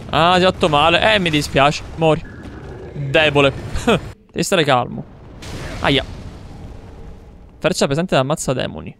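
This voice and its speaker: A man's voice: fairly high pitch, a bit bright, slight background noise. A man commentating his gameplay, taunting enemies and swearing as he plays. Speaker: gamer. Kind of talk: let's play commentary.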